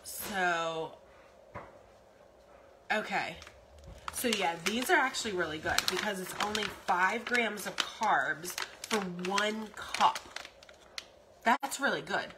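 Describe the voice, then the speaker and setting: A rambling woman vlogs in a home kitchen, filmed on a phone held close. She talks at an ordinary mid pitch, full of ums and repeated phrases. The recording carries a clear layer of background noise. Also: expressive, slow pace, long pauses. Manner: chatty, rambling, with frequent ums and self-repeats. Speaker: vlogger. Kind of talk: casual grocery haul vlog. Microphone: phone camera at arm's length.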